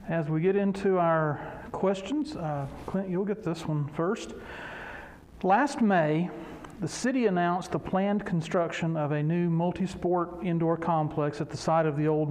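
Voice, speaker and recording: A man's voice: a little high, a little mellow. A man speaking through a face mask as he moderates a local election debate. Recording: noisy ambience, masked speech. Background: clear ambient noise.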